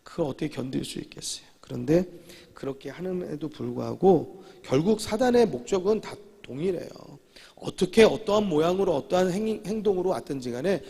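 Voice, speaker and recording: A male pastor delivers an emphatic sermon, circling back on repeated phrases and rising to sudden loud declarations. His voice sits a little high and carries a gravelly, husky edge. The church sanctuary around him rings with a long reverb. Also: animated, a little fast.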